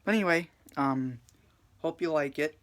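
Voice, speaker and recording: A man giving a casual music review in a subdued, flat way, full of hesitations and fillers. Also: on the high side, normal speed. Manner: hesitant, many fillers and restarts.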